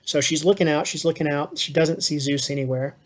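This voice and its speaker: Teacher guy telling a myth super casually, lots of uh and restarts, kinda high voice. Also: fairly even intonation, a little fast. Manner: loose and conversational, many fillers and restarts. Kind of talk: casual storytelling lesson.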